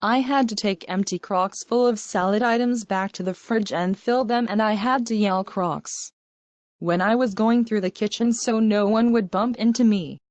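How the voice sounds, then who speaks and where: Middle-aged female interviewee, medium pitch, blunt casual answers, very dry sound. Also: normal speed, hardly any pauses, a little mellow, no echo. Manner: blunt, matter-of-fact. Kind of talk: casual recollection.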